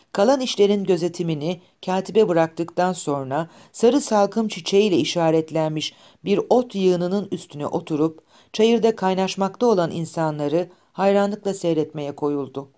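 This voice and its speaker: A woman reading a classic novel aloud as an audiobook narrator, calm and steady. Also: fairly low pitch. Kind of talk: scripted narration.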